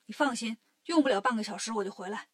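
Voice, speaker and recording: A woman's voice: fairly high pitch, fast, a bit bright. A woman voicing the cheeky, stubborn male Monkey King in a children's story, speaking brashly. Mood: cocky.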